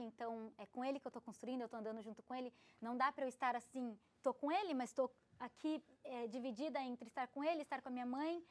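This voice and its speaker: A woman in her thirties, a podcast guest, telling an emotional personal story in an animated, expressive way. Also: fairly high pitch. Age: 30s. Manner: animated, expressive, laughs often.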